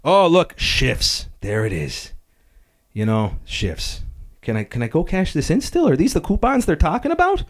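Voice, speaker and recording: A man doing an excitable local. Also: on the high side, moderate pace, dry recording, clean studio sound. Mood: gushing nostalgic. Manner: rambling, gushing, easily excited, stumbling restarts. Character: excitable rambling nostalgic local Scranton guy, middle-aged man. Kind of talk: comedic character review.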